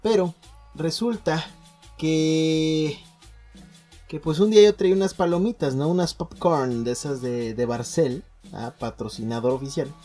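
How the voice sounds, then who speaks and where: A young man with a Mexican accent casually telling a school story on a podcast, full of slang, swearing, jokes and halting restarts. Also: on the high side, dark tone, soft background music. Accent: Mexican Spanish.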